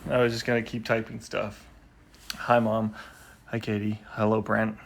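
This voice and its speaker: Man, gravelly, casual rambling live-stream chat, phone mic at home. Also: on the low side, completely flat delivery, moderate pace, a little hiss or hum. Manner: chatty, teasing, rambling. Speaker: poet hosting a live stream. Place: indoors at home.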